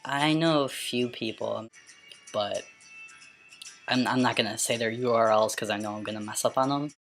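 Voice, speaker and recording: An amateur vlogger with a mid-pitched, androgynous voice, speaking casually and stumbling now and then over words. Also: faint music behind. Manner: halting, stumbles over words and repeats them when reading. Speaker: amateur video blogger. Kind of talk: casual question-and-answer vlog with some read-aloud passages.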